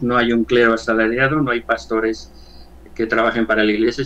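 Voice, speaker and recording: A man in his sixties from Valencia with a Spanish accent from Spain, giving an earnest personal testimony as an interview guest, often halting and repeating words. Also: mid-range voice, a bit bright, highs cut off. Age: 60s. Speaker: interview guest, church member.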